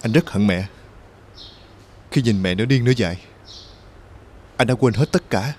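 A young man acting as a son who pleads with his mother and gently talks with his brother, in earnest drama acting. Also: mid-range voice, expressive, a little slow, a little hiss or hum, close to an everyday voice. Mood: gentle. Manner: earnest, pleading, rising to anguish. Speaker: grieving son.

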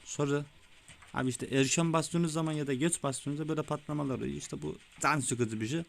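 Excitable young gamer swearing. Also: male voice, a little high, brisk, creaky, a little hiss or hum. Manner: excitable, swears often, brotherly tone. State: sweaty, voice gone a bit rough. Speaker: gaming YouTuber. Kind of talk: casual gameplay commentary. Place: small room with window closed.

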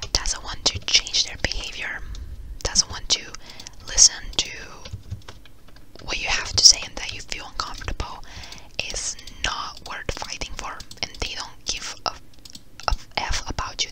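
A video host speaking in a breathy close-up whisper, rambling reassuringly in a casual ASMR gaming chat, with keyboard typing behind. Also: low-quality recording. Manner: rambling, reassuring advice-giving. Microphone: close-up microphone.

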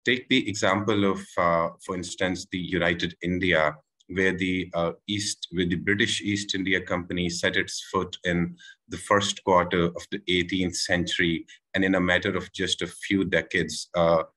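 A man in his forties from Pakistan, giving a measured panel talk over a video call, with many pauses and restarts. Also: low-pitched, level tone, bright, forceful tone, rough recording. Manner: measured, with frequent filler "uh" and restarts. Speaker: panel speaker. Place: room at home with window. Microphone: video call, laptop camera.

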